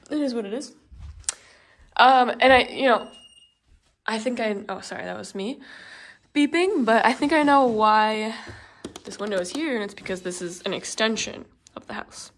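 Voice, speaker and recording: A woman's voice: fairly high pitch, lively intonation, a little slow, long pauses, slight background noise. A young woman chatting casually as she walks through an empty house, filming a tour vlog with frequent ums and likes. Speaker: vlogger.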